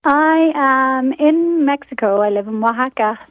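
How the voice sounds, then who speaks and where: A woman's voice: high voice, unhurried, dry recording. A woman with an Irish accent, a radio show caller heard over a phone line, chatting casually with lots of fillers. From Ireland. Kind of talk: casual chat. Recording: tinny dry phone line.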